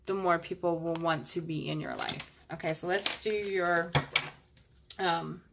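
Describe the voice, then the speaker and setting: A woman's voice: lowish voice, fairly even intonation, measured pace, creaky, noisy background. A young woman reading tarot cards to camera in a casual, chatty way, with lots of fillers and rambling asides. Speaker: tarot reader.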